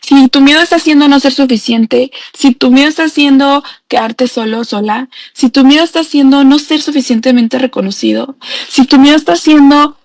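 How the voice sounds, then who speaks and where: A woman's voice: high-pitched, moderate pace, no room sound. A young woman, a personal growth coach telling a heartfelt personal story straight to the viewer in an earnest, intimate way. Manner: earnest and intimate, addresses the listener directly.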